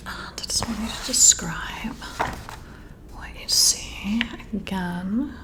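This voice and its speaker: In an ASMR roleplay, a woman plays a flirty, intrigued boss giving a personality test, whispering close into the listener's ear. Her medium-pitched whisper is breathy with creaky edges, slow, deliberate and soothing.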